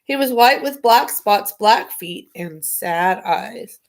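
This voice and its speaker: A woman's voice: mid-range voice, lively intonation, slow pace, creaky. A woman reading a children's picture book aloud on a livestream, playful and chatty between pages. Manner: playful, giggly, chatty asides. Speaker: storybook reader, livestream host.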